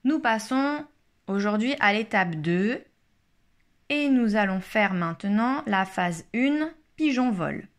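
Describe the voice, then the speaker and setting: A woman teaching a child a phonics listening game, saying each word twice and articulating every sound slowly and carefully. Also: mid-range voice, expressive.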